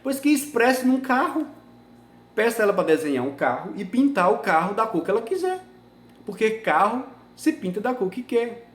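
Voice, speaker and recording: A Brazilian man lectures a class with a raised, high voice. He talks emphatically and keeps asking rhetorical questions. His voice rings around a reverberant room. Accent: Brazilian Portuguese. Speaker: teacher. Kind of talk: university lecture.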